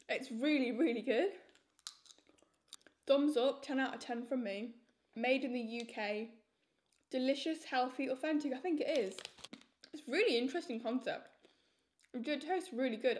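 Young woman, high-pitched voice, casual crisp-tasting review, enthusiastic, emphatic repetition. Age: young adult. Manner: enthusiastic, repeats words for emphasis. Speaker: food reviewer. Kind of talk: casual snack review to camera.

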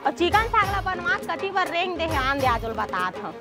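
A woman's voice: very high voice, sing-song, moderate pace. A woman in her twenties playing a nagging, suspicious village wife in a comedy skit, with a Chhattisgarhi accent. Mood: annoyed. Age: 20s. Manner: nagging, confrontational. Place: village house porch and lane, outdoors. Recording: loud music behind dialogue.

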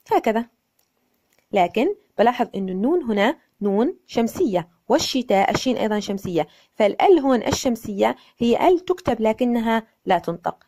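A woman's voice: mid-range voice, mellow. A woman teaching a grammar lesson step by step, mixing formal speech with everyday dialect. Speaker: Arabic teacher.

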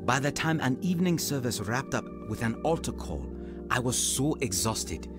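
In a radio drama, an actor narrates in first person as an earnest, weary evangelist recounting his life story in a reflective mood. His mid-range voice is sing-song at normal speed, lightly acted, with music in the background.

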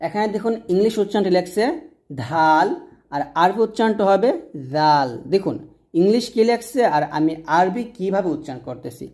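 A woman with a Bangladeshi Bengali accent teaching Arabic letter pronunciation, patiently repeating each sound slowly. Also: mid-range voice, warm tone. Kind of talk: explaining letter by letter.

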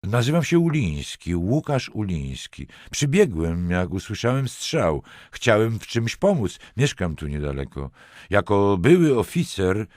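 A man's voice: fairly low pitch, very animated, a little slow, a little mellow, no echo, clean studio sound, pitched above the performer's own voice. A man voicing a stiff, precise retired officer. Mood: polite. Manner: careful speech, clearly stressed syllables. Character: elegant retired older male army officer. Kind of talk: audiobook character voice.

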